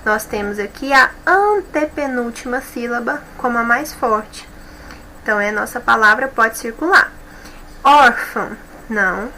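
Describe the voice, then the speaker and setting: A woman teacher going over grammar exercises with her class, stretching each example word slowly to show its stressed syllable. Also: fairly high pitch, lively intonation, pushed and bright, slight background noise, poor audio. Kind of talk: grammar lesson, correcting exercises.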